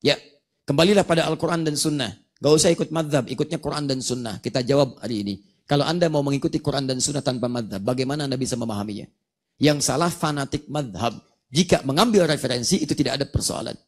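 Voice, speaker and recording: A man's voice: medium pitch, fast. A man giving an Islamic religious lecture, explaining points of law with rhetorical questions and recited Arabic verses. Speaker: preacher.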